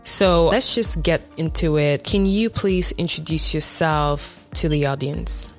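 A woman's voice: sits low, a little slow, soft background music. A woman hosting an interview, effusive and encouraging toward her guest. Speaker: interview host. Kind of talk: casual interview.

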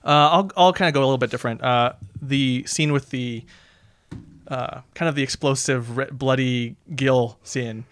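A man's voice: mid-range voice, fairly even intonation, moderate pace, no echo. A chatty man in a casual film discussion who says "like" a lot.

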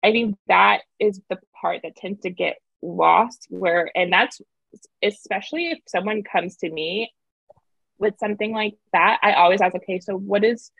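A woman's voice: mid-range voice, unhurried, gravelly, fairly bright tone, no echo, dull audio. A woman in a casual interview, talking emphatically and repeating phrases to drive a point home. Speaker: interview guest, author and video creator.

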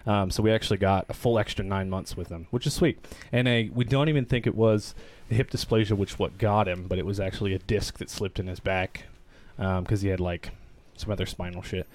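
A man's voice: on the low side, fairly even intonation, a little fast. A young man co-hosting a podcast, rambling and swearing freely as he tells a personal story. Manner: rambling, profane, emotional storytelling. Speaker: podcast co-host. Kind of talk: candid casual podcast chat.

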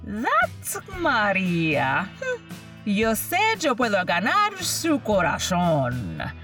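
Self-assured dashing young rancher for a folktale, voiced by a woman, unhurried, slightly distant. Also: medium pitch, huge pitch swings, music in the background, heavily acted. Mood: cocky.

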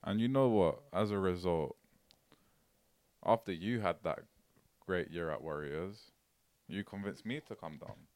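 A young male podcast host, bantering and cutting in with quick jokes. His voice is very deep and smooth. It is recorded dry with no room echo. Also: darkish tone. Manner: banters, chips in with short joking interjections. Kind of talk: casual chat.

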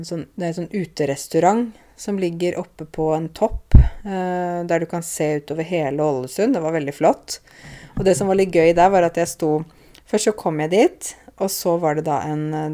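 A young woman in a chatty, clear spoken lesson, telling a story and explaining words to language learners. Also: on the low side, warm tone. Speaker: Norwegian language teacher on YouTube.

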